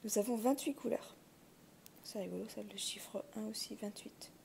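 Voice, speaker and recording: A woman with vocal fry and a gravelly morning voice, chatting through an unboxing and thinking aloud. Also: mid-range voice, moderate pace, a little mellow. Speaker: craft unboxing host. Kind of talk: casual unboxing chat. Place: indoors at a wooden table. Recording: handling clicks and crinkling noise. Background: crinkling plastic, clicks.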